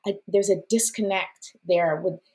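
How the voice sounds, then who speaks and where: A woman whose first language was Portuguese hosts a casual live stream, reading oracle cards in an effusive, chatty way full of fillers and small laughs. Her mid-range voice is steady, a little mellow, and measured in pace.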